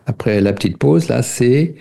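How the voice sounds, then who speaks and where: A man's voice: mid-range voice, animated, moderate pace, vocal fry, mellow. A man speaking as a radio guest, explaining nutrition and food intolerances at length with frequent hesitations and cited studies. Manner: explanatory, many fillers, cites studies.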